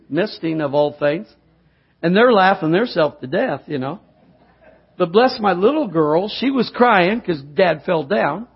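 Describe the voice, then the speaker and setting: A man's voice: high-pitched, husky. A middle-aged man preaching a sermon, telling a homespun story and building to fervent exhortation. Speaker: pastor. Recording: dull lo-fi sound.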